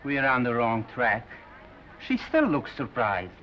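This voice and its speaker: A man's voice: medium pitch, wildly swooping pitch, measured pace, a little hiss or hum. An actor playing a fussy, grumbling male makeup artist in a 1930s film. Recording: dull 1930s film soundtrack, far.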